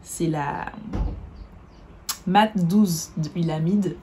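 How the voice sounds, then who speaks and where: A woman talks through her makeup routine in a loose, chatty way, often stopping to correct a word. Her voice is mellow and relaxed. A faint hiss sits under the recording. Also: fairly low pitch, drawn-out words. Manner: chatty, self-correcting, describes as she applies. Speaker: beauty vlogger. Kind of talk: casual makeup tutorial chat.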